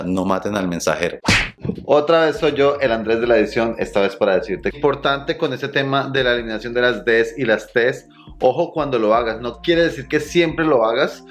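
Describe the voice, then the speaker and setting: Lively Latin American man teaching English. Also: mid-range voice. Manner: lively, demonstrates English phrases slowly then quickly. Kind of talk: casual video lesson.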